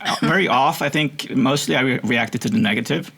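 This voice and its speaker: Speaking briskly in a medium-pitched, husky voice with vocal fry and a slightly bright edge, a man from Sweden shares his story earnestly and thoughtfully as an interview guest. International schooling has given him a somewhat American-sounding accent, and the interview is conversational.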